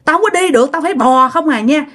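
A woman voicing a possessed old woman who curses and scolds her family in a shrill voice. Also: sing-song, measured pace, fairly bright tone, exaggerated voice. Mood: scolding. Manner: shrill, scolding, foul-mouthed. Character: possessed old woman, cursing spirit inside.

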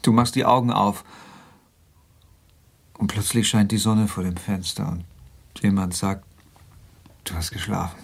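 An actor playing a gruff, volatile, hard-drinking man in a radio play, speaking bluntly and curtly. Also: fairly low pitch, little pitch movement, unhurried, long pauses, exaggerated voice. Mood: soft. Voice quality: gravelly, husky voice. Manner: blunt, curt, threatening when pushed. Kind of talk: 1980s radio play acting.

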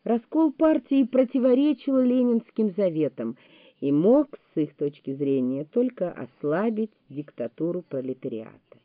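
A woman giving a measured, deliberate audiobook narration of a memoir. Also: on the low side, sing-song, dry recording. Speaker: audiobook reader. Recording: tinny phone-like, dry sound.

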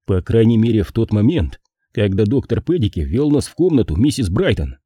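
A sardonic, hard-drinking private detective, read by a man with a dry, unhurried mockery. His voice is warm and husky with lively pitch, close and dry. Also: no room sound. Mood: dry mocking.

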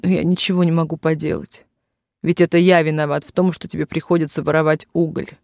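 A man reading the lines of a grieving elderly factory worker, in halting, tearful speech, in a dry room. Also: fairly high pitch, little pitch movement, gravelly, darkish tone, no echo. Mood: anguished.

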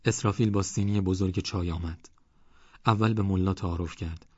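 Deep husky male audiobook narrator. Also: steady tone, darkish tone, no echo, lo-fi sound. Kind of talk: scripted novel narration.

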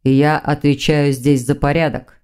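A woman reading an audiobook, voicing an older male demon, a rector and father who speaks in a dry, mocking, measured way. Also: low voice, steady tone, darkish tone, smooth.

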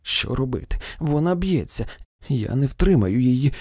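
A desperate young mother begs and cries out in a raised, shrill voice, as a male narrator puts her on. The tone stays dark and husky underneath, recorded close and dry. It sounds like a storybook reading. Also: lively intonation, normal speed, no room sound. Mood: frantic. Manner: pleading, shrill and breathless. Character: frantic young mother in panic.

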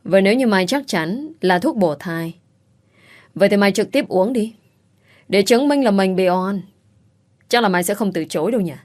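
A woman voicing a calm, mocking young wife who corners her rival. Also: mid-range voice, moderate pace, long pauses, close to an everyday voice. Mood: taunting. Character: cool, cutting young wife taking revenge.

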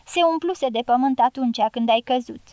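A woman voicing a rough, loyal male guerrilla fighter who talks bluntly, in an audiobook. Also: high-pitched, a little mellow, no echo, muffled recording, lightly acted. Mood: blunt, sorrowful.

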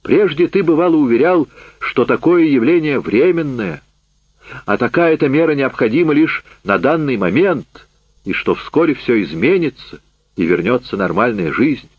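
A man's voice: medium pitch, lively intonation, normal speed, slightly rough, no room sound, pitched above the performer's own voice. A man voicing a furious, accusing camp survivor. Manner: loud, heated, accusing. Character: bitter, worn-out man just back from a camp. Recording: dull, dry lo-fi recording.

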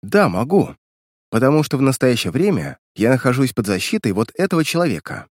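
A man voicing a calm, resolute young woman in an audiobook reading, cold and composed. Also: mid-range voice, a little fast, no room sound, studio quality. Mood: stern.

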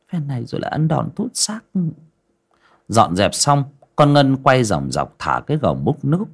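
A man narrating a horror story with dramatic delivery. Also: lowish voice.

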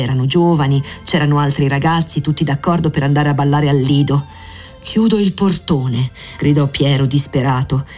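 A reader performing a literary reading aloud in a measured, even storytelling manner. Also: mid-range voice, slightly rough.

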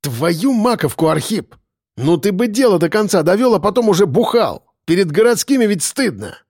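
A man's voice: high-pitched, very animated, moderate pace, darkish tone, breathy edge, no echo, voice pushed up, heavily acted. Stern exasperated village policeman, voiced by a man, barking, dry close sound. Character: gruff village police officer, stern but jumpy.

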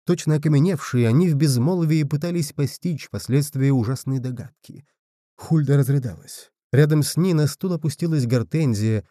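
A man narrating a fantasy audiobook in a measured, steady reading. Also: a little high, no echo, studio quality. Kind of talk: scripted narration.

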